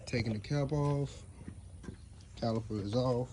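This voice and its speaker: Give me a laid-back man filming a car-repair video on his phone outdoors, with clear background noise. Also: medium pitch, unhurried. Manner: relaxed, talks as he works, points things out. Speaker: DIY car repair vlogger. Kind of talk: casual how-to narration while working. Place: outdoors by a truck. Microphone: phone camera.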